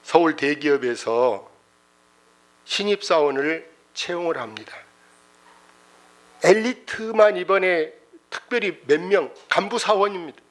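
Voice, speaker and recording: A middle-aged pastor delivers a sermon through a folksy, emotional story. He is full of exclamations and speaks in a slightly high male voice. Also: unhurried, long pauses.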